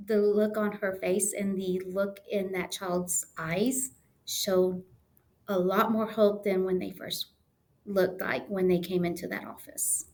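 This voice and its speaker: A woman's voice: medium pitch, little pitch movement, slow. Woman, podcast guest, earnest and emotional storyteller, mid-range voice. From United States. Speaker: podcast guest, testing coordinator. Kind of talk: conversational storytelling interview.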